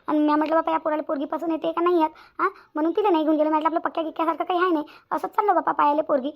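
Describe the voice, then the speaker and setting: A woman voicing cartoon characters in a fast, chatty, complaining way. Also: sits high, little pitch movement, highs cut off. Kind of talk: Marathi cartoon voice acting.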